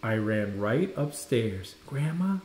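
A man reads a children's picture book aloud, his pitch rising and falling in a lively storyteller's way. The recording has a noticeable roomy echo, as if made in a bare room. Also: moderate pace. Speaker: storybook reader.

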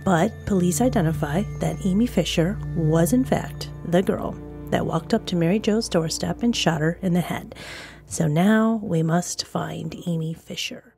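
Low, mellow-voiced woman podcast host. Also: unhurried, creaky, soft background music. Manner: conversational storytelling with asides. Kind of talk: true crime narration.

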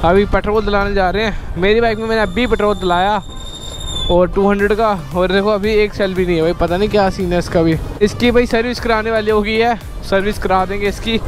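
A young man riding through city streets, narrating a casual vlog and calling out excitedly to his viewers. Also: high voice. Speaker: moto vlogger. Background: music.

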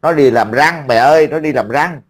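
A man's voice: a little high, fairly quick. A man, talking casually to a friend as an online commentator, blunt, profane and mocking.

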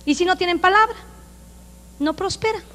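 A woman's voice: very high voice, moderate pace. Emphatic Honduran woman preaching in a reverberant church. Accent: Honduran Spanish. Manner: emphatic, preaching loudly with acted-out quotes. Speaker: pastor. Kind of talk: sermon. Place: church sanctuary. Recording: long reverb of a church hall.

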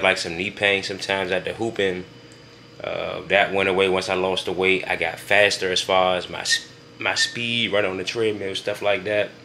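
A man's voice: sits low, bright, forceful tone, slight background noise. A young man vlogging casually from his home kitchen, talking straight to his viewers in a laid-back way. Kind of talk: casual vlog talk to camera.

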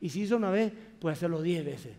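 A man's voice: fairly high pitch, animated, quick pace, vocal fry, dark tone, long reverb tail. A man pastor with a Paraguayan accent preaching a sermon, emphatic and conversational, speaking straight to the congregation in a large church. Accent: Paraguayan Spanish.

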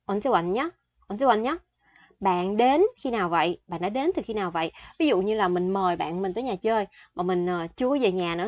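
A woman's voice: medium pitch, a bit bright, dry recording. A woman in her thirties teaching a language lesson, patiently explaining and repeating example phrases several times.

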